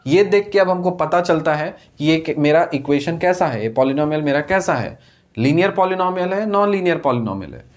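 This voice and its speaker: A man's voice: a little high, expressive, brisk. A man teaching exam-prep mathematics in a lecture, explaining step by step and asking and answering his own questions. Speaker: math teacher.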